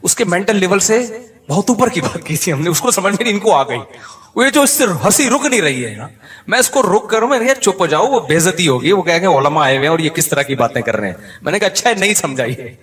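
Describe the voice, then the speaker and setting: A man's voice: high voice, sing-song, quick pace, a bit bright, big-room sound. A man giving a humorous religious lecture, telling stories in a joking way and laughing between points. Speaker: Islamic scholar giving a talk.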